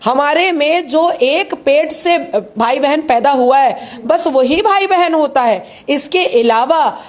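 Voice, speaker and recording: High-voiced woman speaking forcefully. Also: animated, takes it slowly. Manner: forceful, rhetorical. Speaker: commentator.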